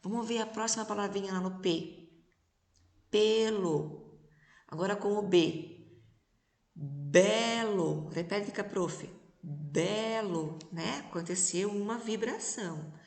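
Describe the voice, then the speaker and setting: A Brazilian woman teaching young children in a remote lesson, speaking slowly and patiently and stretching out syllables. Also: medium pitch. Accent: Brazilian Portuguese. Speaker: primary school teacher. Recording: echoey, reverberant room.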